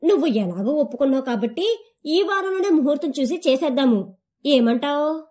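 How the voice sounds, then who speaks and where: A woman's voice: high-pitched, animated, normal speed, darkish tone. A woman voicing a scheming sister who coaxes her elder sibling. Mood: coaxing. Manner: coaxing. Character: persuasive scheming younger sister.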